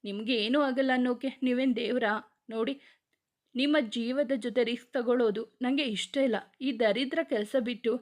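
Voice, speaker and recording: A woman's voice: a little high, fairly even intonation, moderate pace, natural voice. A woman reading the part of a worried young wife who pleads and argues emotionally. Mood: pleading.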